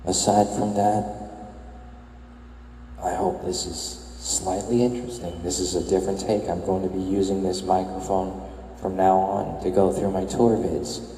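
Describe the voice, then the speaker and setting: A young man murmurs a soft, low-key voice-over in a deep, flat, gravelly voice that hardly rises or falls. He talks slowly and hesitantly, correcting himself as he muses. The voice carries an echo with a long reverb tail over faint ambient sound. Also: a little hiss or hum. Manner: hesitant, self-correcting musing. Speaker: video game tour vlogger. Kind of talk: soft-spoken reflective voice-over.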